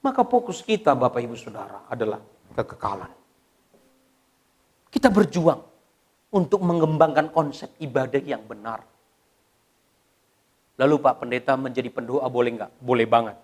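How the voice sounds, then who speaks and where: A middle-aged man, a pastor telling a personal story in a sermon, swinging between hushed and loud delivery. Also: mid-range voice, lively intonation, normal speed, long pauses, slightly rough.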